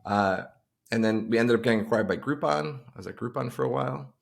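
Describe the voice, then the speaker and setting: A man in his forties from Long Island, speaking with a gravelly, creaky edge as a podcast guest. He rambles loosely, circling back with fillers and restarts as he talks over a video call. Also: medium pitch, fast talker. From Long Island, New York. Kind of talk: casual interview chat.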